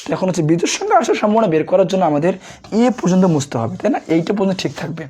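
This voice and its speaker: A young man from Bangladesh with a sore throat, teaching a fast revision math class and quizzing students, then answering his own questions. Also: sits high, very animated, warm tone, slightly rough. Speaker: math tutor.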